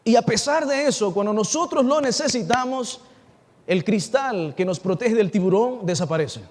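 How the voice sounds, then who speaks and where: High-voiced preacher in a reverberant hall. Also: male voice, normal speed. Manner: animated storytelling, acting out dialogue and addressing listeners directly. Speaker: pastor. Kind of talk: sermon.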